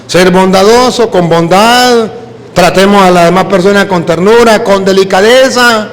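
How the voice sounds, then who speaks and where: A Venezuelan man, a priest, preaching a sermon full of lively personal stories in which he mimics the people he quotes. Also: high-pitched, normal speed, long reverb tail. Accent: Venezuelan Spanish.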